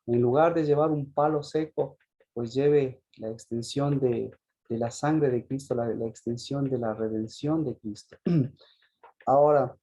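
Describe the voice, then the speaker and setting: Husky preacher man, halting delivery. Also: medium pitch, warm tone. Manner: halting, repeats and restarts phrases, rhetorical questions. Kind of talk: sermon.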